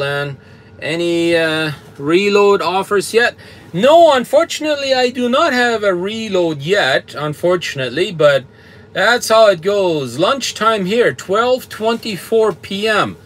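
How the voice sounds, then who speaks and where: A fairly high-voiced man from Canada, a trucker talking from his truck cab. He chats loosely and bluntly, full of fillers and little chuckles, reading out comments as they come in. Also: expressive, takes it slowly, a bit bright. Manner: blunt, straightforward, chuckles often, many fillers. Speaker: trucker streaming a live show. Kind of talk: casual live-stream chat reading comments. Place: truck cab with bunk heater and fan.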